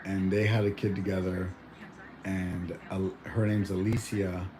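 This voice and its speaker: A man's voice: deep voice, little pitch movement, a little slow, background noise. A young man born in Mexico chatting casually at home, rambling with lots of fillers and restarts. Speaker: vlogger. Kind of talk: casual chat.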